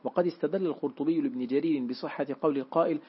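A man reading a classical Quran commentary aloud in a steady, measured, formal way. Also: fairly high pitch, slightly rough, highs cut off.

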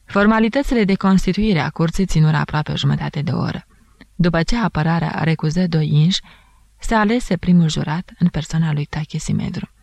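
A woman narrating a novel aloud in a measured, even reading. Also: low voice, creaky, dry recording. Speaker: audiobook narrator. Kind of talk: scripted literary narration.

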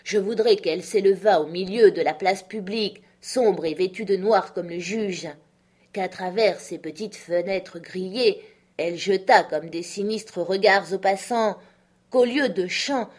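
Woman reading a classic novel. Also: mid-range voice. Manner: measured, expressive. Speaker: audiobook narrator. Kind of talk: literary audiobook reading.

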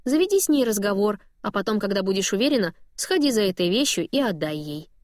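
A woman voicing a calm, unflappable older stepmother who speaks slowly and firmly. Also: mid-range voice, no room sound, studio quality, close to an everyday voice. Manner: slow, calm and firm.

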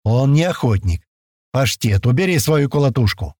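A man reading an audiobook, voicing a calm, commanding leader who keeps an armed group in check. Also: medium pitch, normal speed, no echo, clean studio sound. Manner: firm and steady, takes charge. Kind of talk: audiobook character voice.

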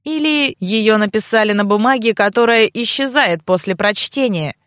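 Brief: woman doing a cold, growling young nobleman for an audiobook, lowered voice, close and dry. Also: moderate pace, a bit bright, no room sound, lightly acted. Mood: cold, accusing. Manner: low, clipped, growling. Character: brooding angry young nobleman. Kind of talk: audiobook character voice.

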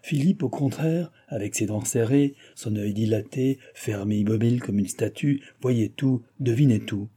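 A man narrating a novel in a measured, expressive reading. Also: mid-range voice, breathy edge. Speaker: audiobook narrator.

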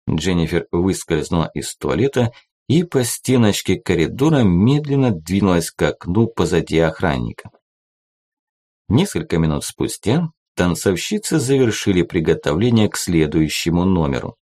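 Deep-voiced expressive male narrator. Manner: expressive, storytelling. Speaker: audiobook narrator. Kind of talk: scripted narration.

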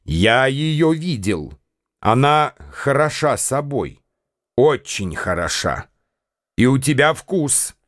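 A man's voice: medium pitch, sing-song, slow pace, a bit bright, no echo, studio quality. A man voicing a scheming, mocking young swindler who talks in a sly, wheedling way in a radio drama. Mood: scornful.

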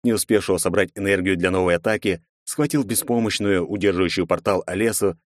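Male audiobook narrator, low voice, dry close sound. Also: quick pace, no echo. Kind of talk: scripted narration.

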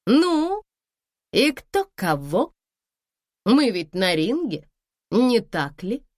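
A woman's voice: a little high, big pitch swings, very slow, darkish tone, dry recording, studio quality, exaggerated voice. Woman putting on a scornful, mocking wife. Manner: sarcastic, scornful, pressing. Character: confident mocking wife, middle-aged woman.

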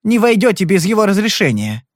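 A fierce, protective wife who refuses to back down, voiced by a man reading a detective novel. Her voice sits fairly high and swings widely in pitch as she pushes back. The sound is close and dry. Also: very animated, a little fast, dry recording. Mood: defiant. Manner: insistent, protective. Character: defensive, fierce middle-aged wife.

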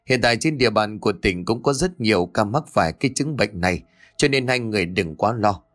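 A calm older male doctor, played by the storyteller, brisk and measured as he reassures the family. The tone stays lively in pitch though steady in manner. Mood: reassuring.

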